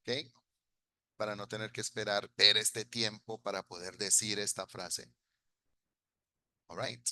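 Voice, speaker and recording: A man's voice: lowish voice, steady tone, unhurried, long pauses, pushed and bright, no room sound. A man teaching an English class in Spanish, patiently explaining grammar and repeating phrases for his students. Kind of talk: bilingual classroom lesson.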